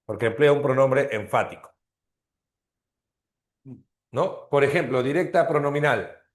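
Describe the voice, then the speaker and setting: A male teacher giving a grammar lesson, explaining slowly, repeating terms and checking in with frequent tag questions. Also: mid-range voice, echoey room. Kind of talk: online grammar class.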